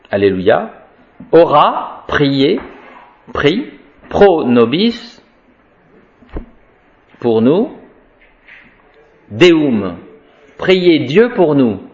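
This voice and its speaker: A man teaches Latin grammar at an unhurried pace. He talks in a wry, chatty way and recites declension forms aloud as drills. The recording sounds dull and lo-fi. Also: fairly high pitch. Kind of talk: informal Latin grammar lesson.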